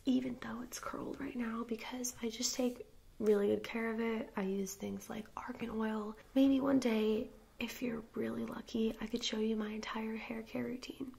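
Young woman doing a snooty party girl in a whispered role-play, snippy and fake sweet, highish with vocal fry. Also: a little mellow, a little hiss or hum. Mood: smug, patronising. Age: young adult. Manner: mock-sweet, snippy, condescending. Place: small indoor room, seated before camera.

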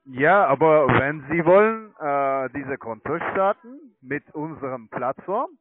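Through a thin, narrowband phone line, a man makes a sales pitch as an online trading account manager. German isn't his first language, and his phrasing comes out broken and tentative. His voice is fairly high and animated, his pace slow, and the recording dry.

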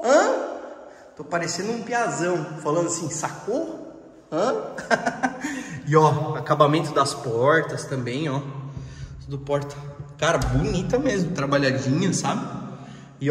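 A man gives a casual house tour, talking in a slangy, friendly way to his viewers. His voice sits a little high. The empty rooms around him ring with a long, echoey reverb. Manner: chatty, slangy, keeps pointing things out to viewers. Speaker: real estate video host. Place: empty house with bare hard floors.

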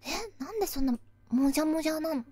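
A woman's voice: high voice, lively intonation, fast talker, warm tone, no echo. A young woman streamer playing a horror game, panicking, shrieking at scares and repeating words. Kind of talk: horror game let's play.

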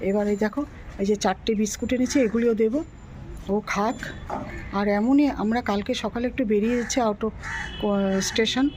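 A woman vlogger with a Bengali accent, talking quietly and gently to her viewers while coaxing a stray dog to eat. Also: mid-range voice, fairly even intonation, moderate pace, pauses often, slight background noise, low-quality recording. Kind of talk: casual vlog.

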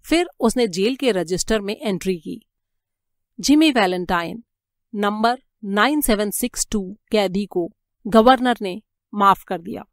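A woman reading a story aloud as an audiobook narrator, with measured, expressive storytelling. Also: medium pitch, dry recording, studio quality.

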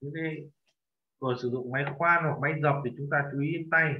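A man teaching a language lesson, patiently correcting pronunciation and slowly repeating phrases. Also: fairly high pitch, steady tone, a little hiss or hum. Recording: echoey, dull lo-fi room sound.

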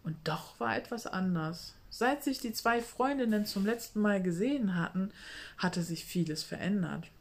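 A woman calmly reading a children's book aloud. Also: fairly low pitch.

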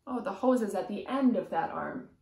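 Her voice is mid-range, creaky and darkish, expressive at a moderate pace: a woman in her thirties, a preschool teacher, reading to young children. The rhythm is sing-song, with emphasis on sound words. Captured by a camera a few feet away in a small home room, the sound carries a roomy echo.

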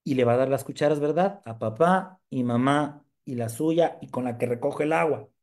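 A man of mid-range pitch speaks at a normal pace while conducting a lively live sales training demo. He quizzes the people watching and jokes with them.

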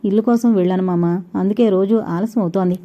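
A woman voicing a young working woman in a storybook reading, speaking calmly and reasonably. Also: mid-range voice, fast, muffled recording, lightly acted.

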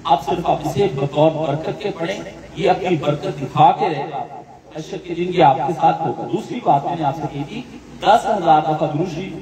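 A man with a Pakistani Urdu accent giving a religious talk, animated and often laughing as he explains. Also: a little high, moderate pace. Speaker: religious teacher. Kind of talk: religious talk with questions from listeners. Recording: echoey hall mic from far off, crowd behind.

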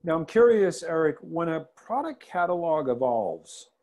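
A man's voice: a little high, big pitch swings, moderate pace, a little mellow. Curious man asking a question on a call. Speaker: meetup moderator asking questions. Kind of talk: casual question on a video call.

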